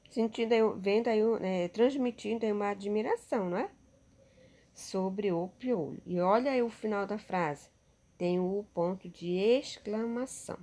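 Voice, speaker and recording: Woman teacher, Brazilian Portuguese accent, slow and patient delivery, recorded class. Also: mid-range voice, darkish tone. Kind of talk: remote class lesson over slides.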